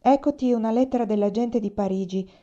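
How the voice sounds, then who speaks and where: A woman's voice: a little high, fairly quick, mellow, highs cut off, voice pushed up, lightly acted. A woman reading the lines of a tired, sad man who scolds his brother in an audiobook, sounding weary and reproachful.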